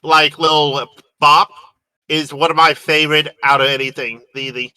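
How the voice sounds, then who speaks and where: A man hosts a relaxed online panel with a very bright, sharp voice pitched a little high. He talks hesitantly, stopping and restarting often. The sound is dry and close. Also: moderate pace, smooth, no echo. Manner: hesitant, many fillers and restarts, laughs often. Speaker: panel host. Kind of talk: casual online panel chat.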